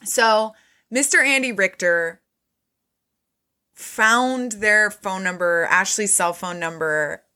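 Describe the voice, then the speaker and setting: A woman's voice: medium pitch, takes it slowly, sharp tone. A woman co-hosting a podcast, recapping a movie in loose, chatty talk full of "like" and casual swearing. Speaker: podcast co-host.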